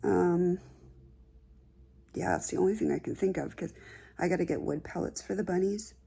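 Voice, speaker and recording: A woman with a gravelly, husky morning voice, chatting casually for a vlog in a sleepy, low-key way. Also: normal speed, warm tone. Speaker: vlogger. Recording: clear ambient background noise.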